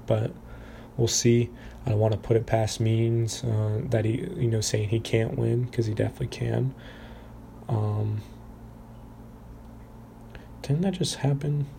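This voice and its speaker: Hesitant man with a gravelly voice. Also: on the low side, completely flat delivery, unhurried, noisy background. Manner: hesitant, many fillers and restarts, self-deprecating. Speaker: fight predictions commentator. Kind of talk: casual fight preview monologue.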